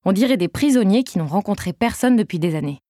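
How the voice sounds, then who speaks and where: A woman's voice: mid-range voice, lively intonation, fast, dark tone, no room sound, studio quality. A woman narrating a novel in the first person with a wry tone. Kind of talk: audiobook narration.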